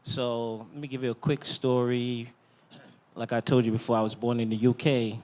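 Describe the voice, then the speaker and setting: A man's voice: mid-range voice, little pitch movement, moderate pace, a little mellow. A man from Barbados with a Bajan accent, telling a personal story as a guest in a panel talk, often checking in with "right?" and "yeah?".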